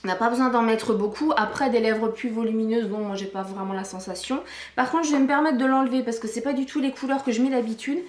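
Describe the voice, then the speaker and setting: A woman's voice: a little high, quick pace, echoey room. A woman chatting casually through a product review vlog, talking with many fillers and restarts into a camcorder microphone.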